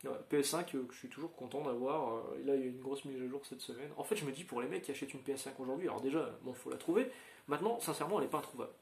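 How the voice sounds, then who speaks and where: A man's voice: mid-range voice, racing, vocal fry, a little mellow. A man chatting casually to his viewers, rambling with many fillers and restarts. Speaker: channel host. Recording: echoey room.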